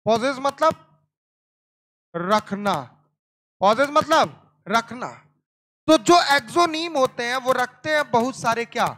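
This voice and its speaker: Taking it slowly with long pauses, a man lectures his biology class in a very high-pitched, expressive voice with a fairly bright tone. Again and again he checks if students understood, repeats terms, fires repeated questions at them, and addresses them as "beta".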